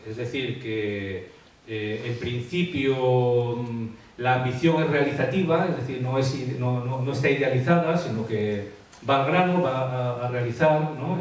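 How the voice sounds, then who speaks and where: A man's voice: medium pitch, recorded from a distance. Hesitant man, echoey and off-mic. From Asturias, Spain. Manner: hesitant, many fillers and tag questions. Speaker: graphologist. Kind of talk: expert explaining in an interview. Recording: echoey room, off-mic, faint hiss.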